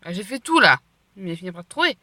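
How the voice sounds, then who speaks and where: Bright, chatty woman streamer. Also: mid-range voice, sing-song, fast talker, no room sound. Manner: chatty, laughs often, comments between lines. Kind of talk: reading a visual novel aloud with live reactions.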